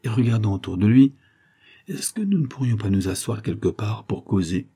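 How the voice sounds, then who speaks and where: A man's voice: lowish voice, lively intonation, moderate pace, mellow, breathy edge. A man voicing a cunning young man who poses as a servant and speaks in a sly, insinuating way, in an audiobook. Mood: knowing.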